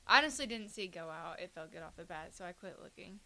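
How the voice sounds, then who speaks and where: A woman's voice: on the low side, animated, fast, bright, forceful tone. Modest young woman athlete guest. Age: 20s. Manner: brief, modest answers. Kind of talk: radio interview.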